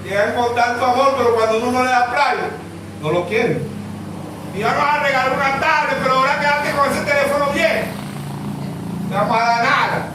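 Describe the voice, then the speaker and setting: A man's voice: extremely high pitch, a little fast. A man preaching a sermon, who keeps asking his congregation "yes or no?" to draw an amen. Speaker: pastor. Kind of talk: evangelical sermon. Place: church. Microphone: distant mic. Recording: echoey church from far off, noisy.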